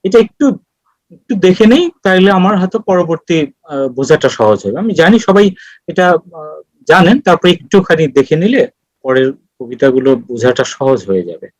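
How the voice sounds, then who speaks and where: High-voiced man lecturing over a call. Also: expressive, no echo, poor audio. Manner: explains slowly with many pauses and fillers. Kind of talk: online lecture on poetry meter. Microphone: video call.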